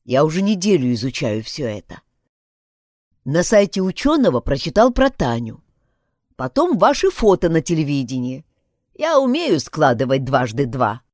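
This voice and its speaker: A woman's voice: low-pitched, sing-song, normal speed, a little mellow, no room sound, clean studio sound. A woman voicing a stern, pushy young village man who presses and threatens.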